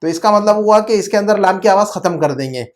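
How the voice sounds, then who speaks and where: An Arabic teacher on a video call, heard through a computer mic, coaches a student on pronunciation in an online class explained in Urdu. At an average pitch and with lively intonation, she patiently repeats words, checks often that he follows, and slips English terms into her explanations.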